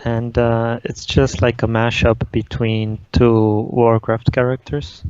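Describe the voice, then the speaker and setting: A man's voice: mid-range voice, level tone, slow, a little mellow, clean tone, dry recording. A young man from Brazil whose first language is Portuguese, answering interview questions in a laid-back way, often saying "like". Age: young adult. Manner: laid-back, uses "like" a lot. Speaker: guest, esports player. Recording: dull, lo-fi audio.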